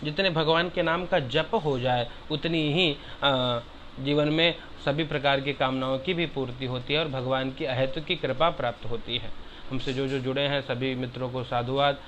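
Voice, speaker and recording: Here the same kind of devotional talk comes from a man of medium pitch and fairly even intonation, a religious teacher who puts sacred verses into plain words. He intones Sanskrit lines slowly and loudly, and he greets his audience affectionately as brother. The highs are cut off and there's slight background noise.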